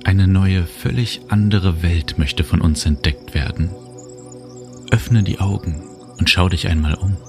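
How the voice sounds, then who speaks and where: A man narrating a guided relaxation journey, speaking slowly and soothingly. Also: low voice. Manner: slow, calm, soothing. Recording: music bed under voice. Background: music and cricket sounds.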